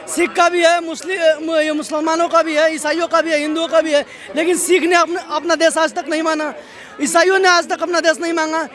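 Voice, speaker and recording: Blunt, agitated man with a very high voice. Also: little pitch movement, a little fast, fairly bright tone. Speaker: street interviewee.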